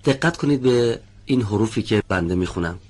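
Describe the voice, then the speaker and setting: A man's voice: lowish voice, animated, darkish tone. A man teaching pronunciation in a studio lesson, patiently explaining sounds and calling on students one by one.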